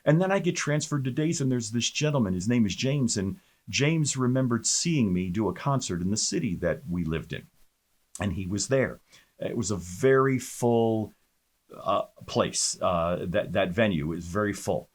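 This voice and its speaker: A man, a pastor, telling his personal testimony in an animated storytelling way, with many fillers and restarts. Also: fairly low pitch, normal speed.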